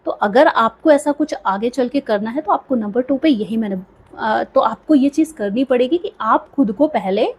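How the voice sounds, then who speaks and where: Husky young woman giving encouraging speaking tips. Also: fairly high pitch, moderate pace, muffled recording. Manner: encouraging, conversational, frequent "theek hai" check-ins. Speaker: speaking coach, video creator. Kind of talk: motivational tips talk to camera.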